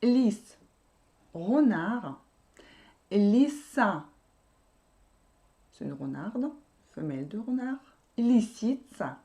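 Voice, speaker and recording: A woman's voice: low voice, gravelly, warm tone. A woman teaching a language lesson, repeating and explaining each word patiently.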